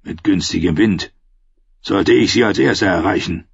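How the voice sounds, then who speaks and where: A man voicing a sardonic old archmaester, gravelly and husky. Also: low voice, no room sound, heavily acted. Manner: dry, menacing, unhurried. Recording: dull, dry lo-fi recording.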